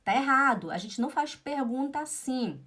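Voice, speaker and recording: A woman's voice: high voice, lively intonation, moderate pace, a bit bright. A young Brazilian woman teaching German in a live-streamed lesson, chatting and reading viewers' comments aloud with frequent "né?". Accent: Brazilian Portuguese.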